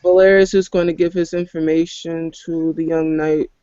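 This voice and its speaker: Dark-voiced man hesitating through a tabletop game. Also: fairly high pitch, little pitch movement, smooth, no echo. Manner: halting, with frequent ums. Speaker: player. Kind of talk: tabletop role-play. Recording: dry, dull lo-fi recording.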